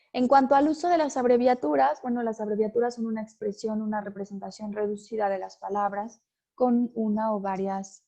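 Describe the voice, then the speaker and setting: A woman's voice: on the high side, mellow. A woman teaching a class, explaining step by step and often checking in with her students. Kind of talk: online class lecture.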